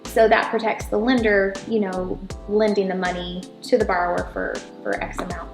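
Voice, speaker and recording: This interview guest, a middle-aged American woman from title insurance, talks at a moderate pace in a medium-pitched, steady tone. Her explanations are casual and chatty, full of "you know" and frequent "right?" check-ins. Music sits behind her voice in a room with noticeable echo.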